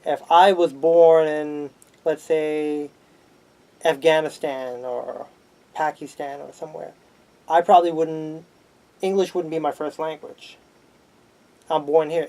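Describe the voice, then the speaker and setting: Male guest, sociology student, mellow tone, measured explanations, slightly high. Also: rough recording. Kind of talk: casual discussion.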